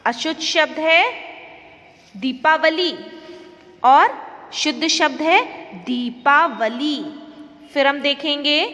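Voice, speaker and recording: Slow high-voiced woman teacher. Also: bright, forceful tone, in a large hall. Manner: slow, careful, repeats words for emphasis. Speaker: school teacher. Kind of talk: online class lesson.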